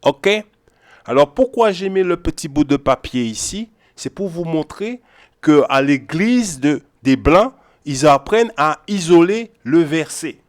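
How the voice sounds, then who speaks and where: A man with a slightly high voice and lively intonation gives informal Bible teaching at an unhurried pace. He repeats his points emphatically and keeps checking in with listeners by asking "ok?" and "hein?".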